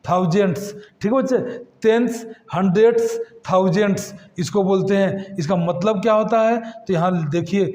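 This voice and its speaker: Male math tutor, high voice, patient question-and-answer classroom delivery. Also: normal speed, few pauses, darkish tone. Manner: addresses students as kids, asks and answers his own questions.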